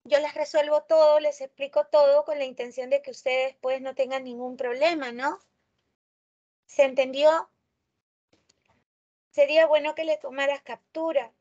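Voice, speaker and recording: A woman teaching a live online grammar class. She often checks in with her students and stresses key terms slowly. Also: high-pitched, fairly even intonation, darkish tone, lo-fi sound. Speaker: language teacher.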